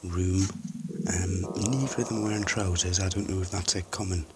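A man whispering a comic podcast segment from a cupboard in a hushed, deadpan way. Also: low-pitched, moderate pace, crowd noise.

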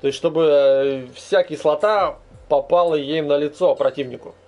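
Young man's higher-pitched casual gameplay commentary. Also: moderate pace, a little mellow. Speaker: gamer commentating own play. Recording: faint noise, game sound behind. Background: fighting game sounds.

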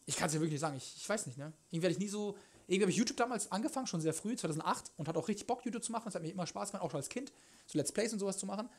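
A man's voice: sits high, lively intonation, rapid-fire. A young man chatting casually on a cooking livestream, rambling and joking in loose slang as he answers his chat. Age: young adult. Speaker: live streamer, cooking show host. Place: home kitchen, indoors. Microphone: headset.

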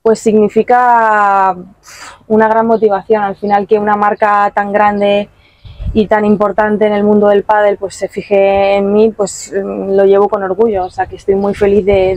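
Calm and deliberate, a young woman who plays padel talks through post-match interview questions, leaning on lots of fillers. She holds a handheld mic at an outdoor tournament stand; her pitch is medium and the audio is dry and rough.

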